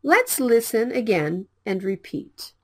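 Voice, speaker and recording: A woman presenting an English lesson, explaining lines slowly and clearly with lively intonation. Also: fairly high pitch. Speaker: English teacher. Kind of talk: scripted language lesson.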